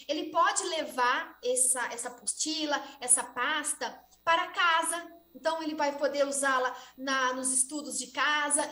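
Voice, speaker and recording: A Brazilian woman with a high, bright voice talks through an informal lesson as a teacher. She keeps it chatty and often checks in with her listeners. The sound carries a noticeable room echo. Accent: Brazilian Portuguese. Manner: chatty, often ends with "tá?" and "gente". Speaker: teacher of deaf children.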